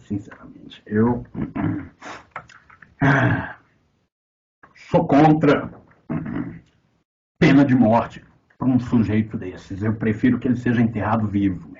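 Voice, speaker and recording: Sarcastic mineiro teacher, animated delivery. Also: male voice, mid-range voice, highs cut off. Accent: Minas Gerais Portuguese. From Brazil. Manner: sarcastic, swearing, swings from loud outbursts to mutters. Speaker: philosophy teacher. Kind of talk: lecture commentary on a text.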